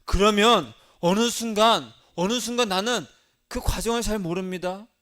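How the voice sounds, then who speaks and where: A man preaching a sermon as a pastor, putting questions to the congregation and answering them himself. He shifts between loud emphasis and soft, low asides. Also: moderate pace.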